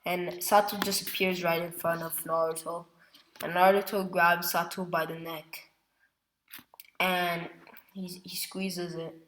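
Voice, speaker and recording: Slow-talking woman rambling through a fan story. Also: lowish voice, little pitch movement, fairly bright tone, a little hiss or hum. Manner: rambling, self-correcting, with many fillers. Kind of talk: casual retelling of a fan story. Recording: roomy echo.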